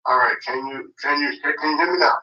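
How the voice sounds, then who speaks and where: A man's voice: on the high side, fairly quick, dull audio, noisy background. A man calling in to argue about basketball, his voice sounding distant because he holds the phone away from his mouth. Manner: argumentative, repeats himself. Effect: phone held away from the mouth, sounds distant. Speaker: caller. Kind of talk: heated sports debate. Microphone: phone call.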